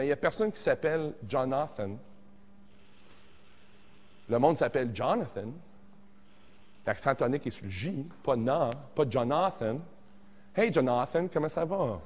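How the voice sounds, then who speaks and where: Man, 40s, Québécois accent, songwriting teacher, animated and joking, fairly high voice, reverberant hall. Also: dull audio. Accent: Québécois French. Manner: joking, animated, mixes in English words. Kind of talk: casual classroom workshop.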